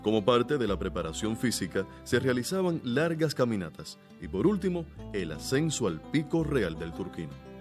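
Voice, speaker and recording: A man narrating a documentary in a formal, even scripted delivery. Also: mid-range voice, normal speed. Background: guitar music.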